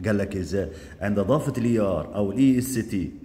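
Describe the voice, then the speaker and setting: A man teaching English grammar in Egyptian Arabic. He asks quick questions and answers them himself, and he drills the word forms aloud. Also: on the low side, lively intonation, mellow, in a large hall, a little hiss or hum. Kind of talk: classroom grammar lesson.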